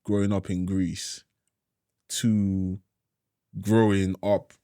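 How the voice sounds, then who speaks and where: A young man from Nigeria hosts a casual podcast chat with a very low voice. He talks loosely, full of "bro" and "like". The sound is close and dry, with no room around it. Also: extremely slow, clean tone, no echo. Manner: relaxed, slangy, says "bro" and "like" a lot. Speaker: podcast host.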